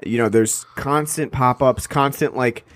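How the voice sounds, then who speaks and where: On a podcast, a male co-host with a mid-range, slightly bright voice rambles casually about a film, full of fillers. He's sarcastic throughout and slips into quick mock voices as the review chat goes on.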